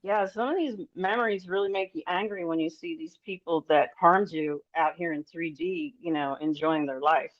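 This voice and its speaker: Woman guest, deep voice, rambling candid testimony with nervous laughs; muffled lo-fi sound. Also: moderate pace, few pauses, no echo. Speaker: roundtable guest. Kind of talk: candid personal testimony in a podcast roundtable. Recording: dull lo-fi audio.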